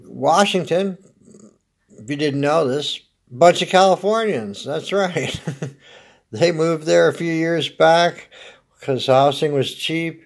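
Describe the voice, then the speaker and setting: Gravelly, slow-talking American man with smoker's rasp. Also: fairly high pitch. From Oregon, United States. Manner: rambling, dry, laid-back, swearing. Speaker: comedian podcast host. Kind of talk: casual solo comedic monologue.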